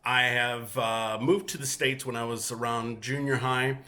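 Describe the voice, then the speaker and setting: A bright-voiced man from Mexico, a native Spanish speaker, introduces himself as the featured guest collector and tours his home collection room. He's easygoing and chatty with many filler pauses, his medium-pitched voice fairly even in intonation.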